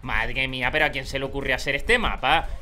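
A young man with a Canary Islands Spanish accent, commentating his own gameplay live, swinging from calm muttering to loud shouting. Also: medium pitch, brisk, soft background music. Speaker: gaming streamer.

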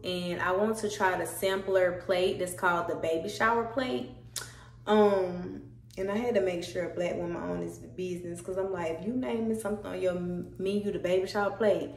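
A woman's voice: lowish voice, creaky, darkish tone, slight background noise. A woman vlogger in casual chat at home, easygoing and slangy as she talks to her viewers. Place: home indoors. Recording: roomy, from a distance, faint music. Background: faint music from a TV.

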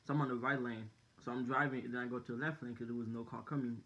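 A man's voice: mid-range voice, steady tone, rapid-fire, sharp tone, muffled recording. A young man vlogging, telling a story in a casual, rambling way, full of fillers and slang.

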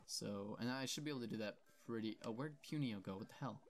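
A man's voice: medium pitch, fast, slight background noise. Casual young man reading game text. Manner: reads characters in his normal voice, offhand and self-deprecating. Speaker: let's play host. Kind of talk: casual gameplay commentary, reading game dialogue aloud.

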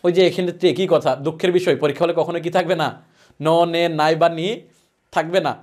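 A man's voice: a little high, fairly even intonation, brisk, darkish tone. A man teaching a grammar lesson, asking questions and answering them himself. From Bangladesh. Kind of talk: classroom lecture.

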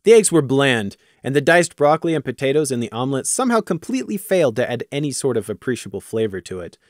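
A man reading a fan audiobook aloud, expressive, trailing quiet at sentence ends. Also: medium pitch, fast talker, no echo, studio quality. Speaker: audiobook narrator.

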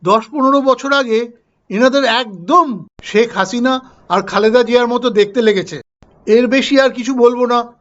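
An older man from India talks through a film review in a chatty, anecdotal way, his voice pitched strikingly high for a man. The recording is dull and lo-fi, like a simple home setup. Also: normal speed, fairly bright tone. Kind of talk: casual film review vlog.

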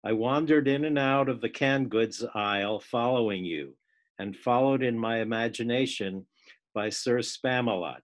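A man taking part in a class on a video call, reading a poem aloud and then discussing it in a casual, halting way. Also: medium pitch. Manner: unhurried, restarts words, laughs while reading.

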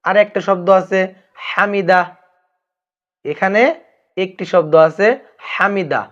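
A man's voice: high-pitched, fairly even intonation, slow pace, a bit bright, highs cut off. A man giving a religious lesson on pronunciation, repeating each phrase carefully and addressing his listeners as honored friends. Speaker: religious teacher.

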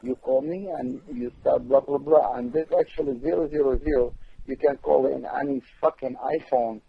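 A man's voice: medium pitch, fairly even intonation, moderate pace, gravelly, breathy edge, no room sound. A man on a phone call who speaks in curt, broken English and swears a lot. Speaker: prank call target. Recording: dull phone line.

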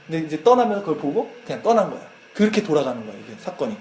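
A man preaching a youth sermon, retelling a film as a lively story and acting out the quoted lines. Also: fairly high pitch, very fast, a little hiss or hum. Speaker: youth pastor. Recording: echoey church hall.

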